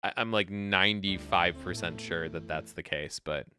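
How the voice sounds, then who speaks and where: A man hosting a casual photo editing livestream, talking in a relaxed way with lots of fillers and encouraging his co-editors. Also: low-pitched, normal speed, over music. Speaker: host of a photo editing stream.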